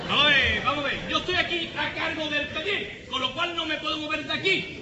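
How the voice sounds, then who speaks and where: An actor playing a bossy male workshop owner in a live comedy sketch, loud and insistent, often shouting. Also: very high-pitched, brisk, in a large hall, dull audio, very noisy.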